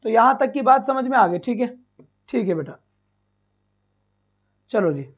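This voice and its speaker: A male teacher runs a live online exam-prep class, calling students "beta" and repeating sounds slowly. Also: extremely high pitch, animated, husky. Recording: dull lo-fi stream.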